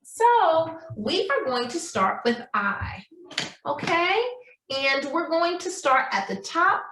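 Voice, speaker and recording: A preschool story time teacher with a high-sitting, animated voice speaks slowly as she leads young children through a craft and writing lesson. She's encouraging and sing-song, frequently asking checking questions, and the recording has background noise, a roomy echo and a distant microphone.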